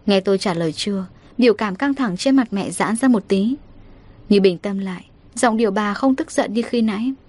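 Woman storyteller, steady and emotive first-person narration, mid pitch. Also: moderate pace.

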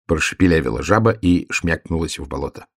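A man narrating a storybook in an expressive, storytelling manner. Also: extremely low pitch, fairly quick, breathy edge.

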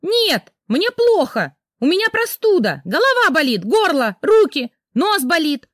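A woman's voice: very high voice, very animated, a little slow, fairly bright tone, dry recording, studio quality, voice pushed up, exaggerated voice. A woman voicing a jealous young wife who screams accusations at her husband, in an audiobook reading. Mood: furious shrieking. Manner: shrieking accusations. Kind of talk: audiobook character voice.

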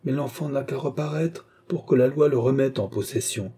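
A man's voice: mid-range voice, moderate pace, dark tone, breathy edge, pitched above the performer's own voice, natural voice. A man reading aloud, voicing a dying old man who confesses his crimes in a faint, broken, pleading voice. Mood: confessing.

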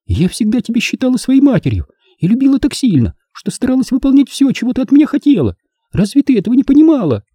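A man's voice: extremely high pitch, big pitch swings, quick pace, dark tone, dry recording, studio quality, voice pushed up, heavily acted. A male reader voicing a fragile young woman with a childish voice, complaining and reproachful. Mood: plaintive. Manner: plaintive, reproachful.

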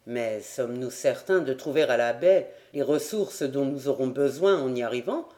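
A reader voicing a measured, low-toned lord. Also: expressive, darkish tone, lightly acted. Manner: measured, questioning. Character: composed Scottish-born nobleman, expedition leader. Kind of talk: audiobook character voice.

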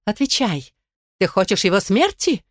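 A woman's voice: fairly low pitch, normal speed, smooth, dry recording, studio quality, natural voice. A woman voicing a cold, stern noblewoman stepmother who scolds harshly. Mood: contemptuous. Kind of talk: audiobook role reading.

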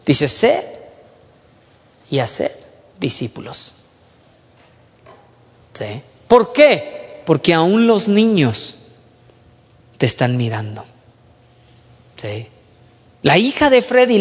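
A man preaching to a youth group, lively and conversational, mimicking whiny young voices and dropping low for emphasis. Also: takes it slowly, pauses often, in a large hall. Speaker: youth pastor. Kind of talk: sermon.

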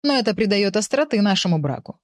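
A woman's voice: mid-range voice, lively intonation, quick pace, lightly acted. A woman voicing a cruel, mocking husband who sneers and taunts his wife in an audiobook. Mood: taunting.

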